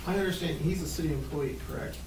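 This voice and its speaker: A man, a council member, putting measured, direct questions in a public meeting. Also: fairly high pitch. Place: echoey meeting room. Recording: distant mic, roomy echo, clear background noise.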